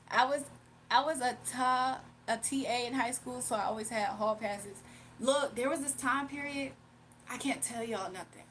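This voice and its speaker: A young woman streams live, chatting casually with viewers, laughing often, and reading their chat messages aloud. Her fairly high, somewhat bright voice moves a little slowly over slight background noise.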